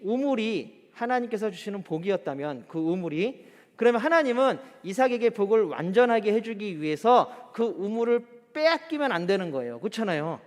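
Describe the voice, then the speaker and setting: A male pastor giving a sermon. He asks the congregation rhetorical questions and acts out quoted speech in a chatty voice. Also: high voice. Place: church. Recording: long hall reverb.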